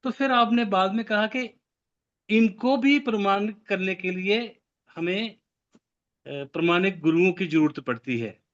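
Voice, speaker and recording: A man on a video call politely asking his teacher a question, pausing as he goes. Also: high-pitched, dull audio. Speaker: class participant asking a question.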